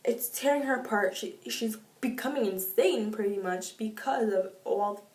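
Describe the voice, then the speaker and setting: Excitable woman gushing in an echoey room. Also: normal speed. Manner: gushing, excitable, with sudden pitch jumps. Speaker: book reviewer. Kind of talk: casual book review vlog. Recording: echoey room, mic at a distance.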